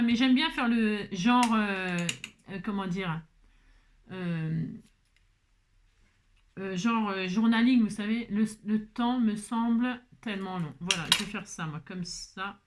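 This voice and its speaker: A woman's voice: medium pitch, a little slow, a little hiss or hum. A woman vlogging while making a card, chatting casually, muttering to herself as she works and laughing often at her own slips. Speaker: craft vlogger. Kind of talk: casual chat while crafting.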